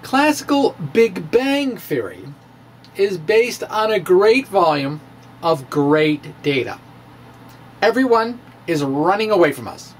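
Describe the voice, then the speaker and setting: A middle-aged man presenting science gives a dramatic, theatrical reading of a popular science blog, his pitch very animated, his pacing unhurried and punctuated by pointed, drawn-out pauses. He sits in a small bookshelf-lined room with a handheld-style mic on a stand just in front of him. Slight background noise is audible.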